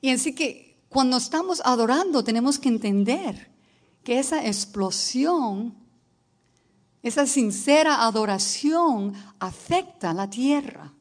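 A woman preaching a sermon at a slow, deliberate pace. Her voice sits slightly high, and she tells stories before building to emphatic declarations. She slips English words into her speech along the way. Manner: storytelling, rising to emphatic declarations.

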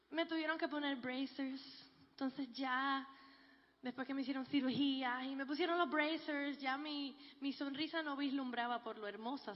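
A woman gives a church testimony, telling her life story with a joking, warm manner. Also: on the high side. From Puerto Rico. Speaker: guest speaker giving a testimony. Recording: dull, echoey large hall.

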